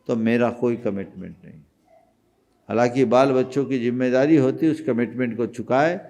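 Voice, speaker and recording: A man giving a sermon as a monk, scolding with rhetorical questions and swinging between loud stress and quiet asides. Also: fairly high pitch. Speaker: Jain monk giving a discourse.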